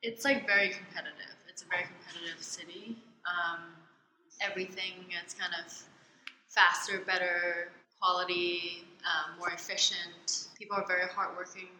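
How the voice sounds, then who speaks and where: A woman from Hong Kong, answering interview questions thoughtfully, with many pauses and fillers. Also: fairly low pitch, little pitch movement, pushed and bright, a little hiss or hum. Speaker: interviewee, art student. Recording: echoey space with faint ambience.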